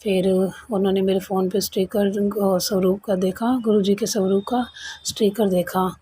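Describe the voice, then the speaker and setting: Woman, earnest devotee testimony, casual retelling, mellow and slightly breathy. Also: mid-range voice, flat delivery, normal speed. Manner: earnest, conversational, retells quoted dialogue. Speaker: devotee sharing experience.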